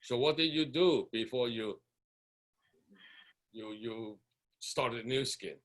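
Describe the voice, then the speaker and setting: Man, interview host, chatty, casual, bright sharp voice. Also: mid-range voice, slow pace. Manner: chatty, with little laughs and restarts.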